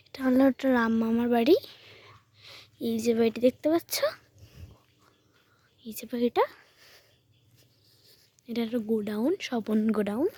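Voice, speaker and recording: A woman with a slightly high voice, chatty and eager, showing viewers around a village home. She keeps pointing things out as she walks and films herself with a handheld phone outdoors. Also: warm tone, husky, no echo. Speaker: vlogger. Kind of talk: casual walking tour vlog. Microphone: handheld phone while filming.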